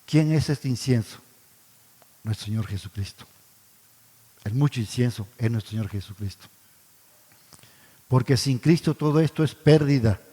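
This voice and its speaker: A man's voice: medium pitch, moderate pace, pauses often, warm tone, slightly rough. A man teaching a Bible study sermon, asking his listeners questions and answering them himself, often calling them brothers. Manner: addresses listeners as brothers, frequent tag questions. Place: church. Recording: church hall with long reverb.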